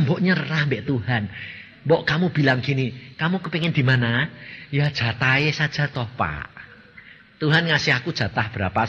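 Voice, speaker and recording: An older man with a Javanese accent preaches with animated, swooping delivery, forever tossing questions at his listeners. His voice is bright and a little husky. It comes through a dull, lo-fi recording that rings with long hall reverb. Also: mid-range voice, a little hiss or hum. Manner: animated, teasing, asks the congregation questions. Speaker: evangelist preacher. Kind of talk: sermon.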